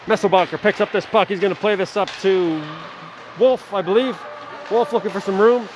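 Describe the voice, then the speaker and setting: A middle-aged man with a fairly high voice gives amateur live commentary on a hockey game at an ice rink. His play-by-play is rapid but relaxed, sprinkled with friendly, chatty asides, while steady rink noise is clearly audible behind him.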